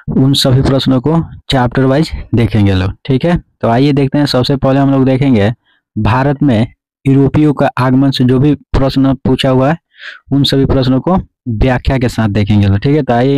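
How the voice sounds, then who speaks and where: Male teacher, mellow tone, dry close recording, quiz drill explainer. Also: mid-range voice, no echo, rough recording. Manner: repeats "remember" and "okay" as drilled prompts. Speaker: exam-prep teacher.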